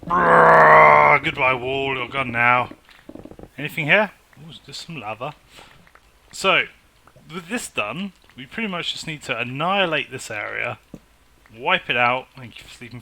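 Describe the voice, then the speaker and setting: A man commentating his own game, excitable and chatty as he talks himself through it. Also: fairly high pitch. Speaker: gaming YouTuber. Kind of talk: casual Minecraft let's play commentary.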